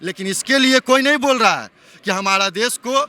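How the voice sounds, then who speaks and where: A man's voice: very high voice, normal speed, sharp tone. A man from West Bengal, India answering a street interview. He talks heatedly and fires off rhetorical questions.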